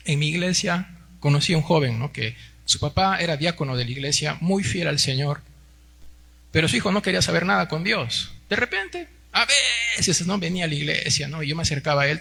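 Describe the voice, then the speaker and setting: A man's voice: on the high side, vocal fry, bright, forceful tone, husky. A Peruvian man in his forties preaching a Sunday sermon, often tagging his sentences with little questions and calling the congregation brothers. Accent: Peruvian Spanish. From Peru. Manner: peppers speech with tag questions, addresses the congregation as brothers. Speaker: pastor.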